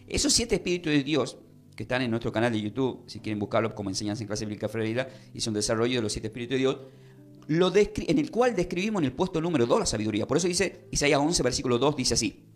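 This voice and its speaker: A man's voice: mid-range voice, expressive, very fast, soft background music. A man preaching a Bible-study sermon, explaining verses and having his listeners repeat his phrases. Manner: teaching, asking the congregation to repeat phrases. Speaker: pastor.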